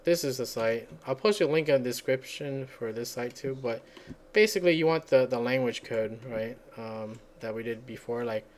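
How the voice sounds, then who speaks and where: A man's voice: mid-range voice, expressive, normal speed, darkish tone, slight background noise. A man hosting a casual screencast tutorial, rambling and thinking aloud as he searches for words. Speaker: software tutorial host. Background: computer keyboard typing.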